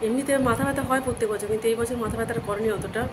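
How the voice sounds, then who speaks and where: A woman in her thirties with a Bengali accent, chatting softly to viewers in a home vlog, her throat dry. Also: fairly high pitch, fairly even intonation, heavy background noise. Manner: talks softly and slowly to save a dry throat. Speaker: vlogger. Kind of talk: casual vlog chat to viewers.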